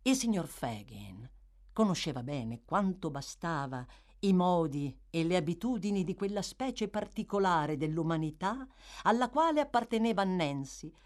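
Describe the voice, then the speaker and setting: Woman narrator, audiobook, expressive, lively melodic pitch. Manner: expressive, dramatic reading. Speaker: audiobook reader.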